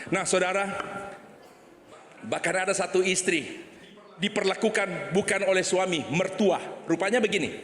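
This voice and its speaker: A man preaching a sermon in a church, telling stories animatedly and acting out the voices. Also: high voice. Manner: animated storytelling, acts out voices. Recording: echoey church hall.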